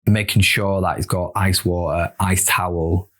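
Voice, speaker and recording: A man with a low Yorkshire voice tells a story the easy way, circling back with fillers and restarts as he goes. He sounds like a relaxed podcast guest chatting in a studio. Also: measured pace. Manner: rambling, many fillers and self-restarts. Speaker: guest, former corner assistant. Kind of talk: casual storytelling.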